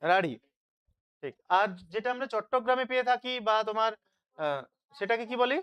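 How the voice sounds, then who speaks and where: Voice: mid-range voice, lively intonation, normal speed, fairly bright tone, clear, resonant tone. A teacher leading an online revision class, asking questions and then answering them, checking again and again that students follow.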